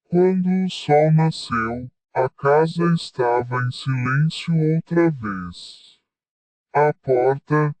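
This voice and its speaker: A man's voice: mid-range voice, dry recording, far from the mic, poor audio. A man in his thirties telling a scary first-person account, his voice altered by a voice changer. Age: 30s. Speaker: interviewed witness.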